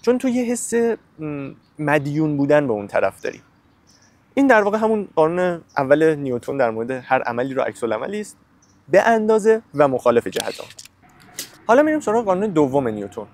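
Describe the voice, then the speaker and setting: A man in a casual podcast, summarizing a self-help book in his own words. He talks straight to the listener with slangy everyday examples, and his voice swings widely in pitch as he explains. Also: sing-song, a little mellow.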